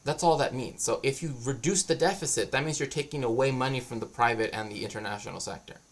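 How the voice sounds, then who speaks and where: A man's voice: medium pitch, fast talker. A man streaming as a cultural historian, explaining his views in a casual, rambling monologue.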